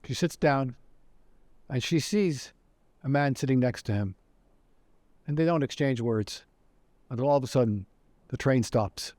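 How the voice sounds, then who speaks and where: A man's voice: medium pitch, lively intonation, unhurried, long pauses, darkish tone, no room sound. A man giving a recorded educational lecture as director of education, telling stories earnestly. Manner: earnest storytelling.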